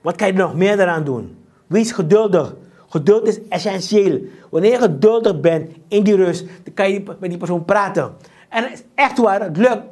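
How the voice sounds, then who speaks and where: A man preaches a sermon in a Surinamese Dutch accent, his voice sitting high. He is emphatic and repeats his points, slipping in Sranan and English phrases as he warns his listeners. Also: a little mellow.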